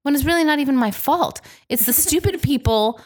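Woman in her thirties, co-host, a bit high, animated storyteller who laughs a lot. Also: a little fast. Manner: animated, laughs often, acts out scenes. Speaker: podcast co-host. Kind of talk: casual chat.

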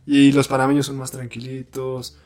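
A man with a Mexican accent hosting a casual podcast chat, relaxed and slangy, laughing easily. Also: mid-range voice, normal speed. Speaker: podcast host.

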